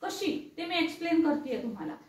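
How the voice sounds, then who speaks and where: A woman with a very high voice explains English letter sounds like a patient teacher. She spells out each letter and repeats the sound, stopping to ask "right?". Her voice echoes in the room and sits some distance from the mic. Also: sing-song, fairly quick. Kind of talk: classroom-style explainer lesson.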